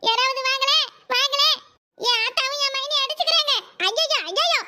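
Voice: extremely high pitch, measured pace, very noisy. A voice actor playing a melodramatic young woman in a cartoon comedy, wailing and half laughing as she laments.

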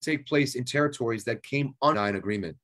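A man's voice: mid-range voice, fast, a bit bright. A man co-hosting a live online talk show, discussing the news in short broken phrases while his audio is choppy and keeps cutting out over a remote internet connection.

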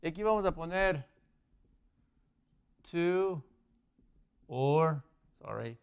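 A man's voice: on the high side, lively intonation, drawn-out words, smooth. A male English teacher giving a classroom lesson, often checking in with his students and moving around as he writes on the board. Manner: checks in with frequent "¿sí?" and "¿ok?"; moves around while writing on the board.

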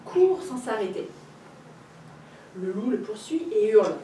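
A woman reading a picture book aloud to children in a library, playful and expressive with sound effects. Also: on the high side, slow. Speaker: storyteller. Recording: roomy room recorded from a distance, faint ambience.

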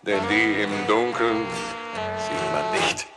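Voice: medium pitch, very animated, slow pace. A singer voicing a sneaky small animal who snitches on the wolf, in a children's rock musical with guitar backing. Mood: sly. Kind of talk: sung rock-musical song. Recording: studio record with guitar music.

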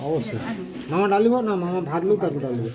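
A man's voice: sits high, animated, very fast, crowd noise. A man filming a casual family travel vlog, chatting, teasing his relatives and breaking into song, first on a beach at night and then at dinner. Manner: chatty, teasing family members, bursts of singing. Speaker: vlogger.

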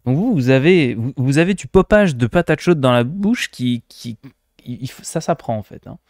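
A man from France commenting casually on a game he is streaming, playful and quick to laugh. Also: mid-range voice, lively intonation, darkish tone, no echo, studio quality. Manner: playful, laughing, mimics accents.

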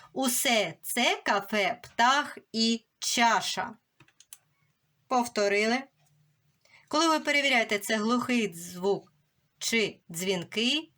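A young woman teaching a remote lesson to young schoolchildren, slowly and clearly sounding out words and letters. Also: fairly high pitch, fairly bright tone.

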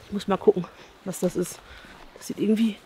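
Speaking fairly quickly in a mellow, steady mid-range voice, a German-accented urban exploration vlogger in her thirties walks an abandoned outdoor campsite. She offers casual commentary, musing aloud and frequently asking viewers to agree. A little hiss or hum comes through her chest-worn action camera.

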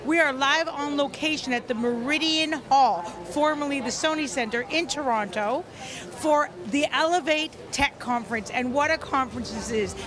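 A woman's voice: high-pitched, normal speed, a crowd in the background. A woman host giving a cheerful on-location introduction into a handheld microphone in a busy conference hallway. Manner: cheerful presenter delivery. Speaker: show host. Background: music.

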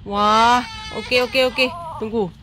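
A woman hosting a casual let's-play, chatting excitedly to her viewers and laughing often as she plays. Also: on the high side, takes it slowly, background noise. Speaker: gaming channel host.

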